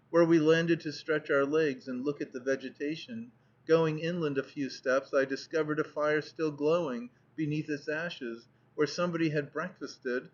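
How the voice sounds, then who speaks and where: A man reading a nineteenth-century travel narrative aloud as an audiobook narrator, in a steady, measured way. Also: on the high side. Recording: dull lo-fi audiobook recording.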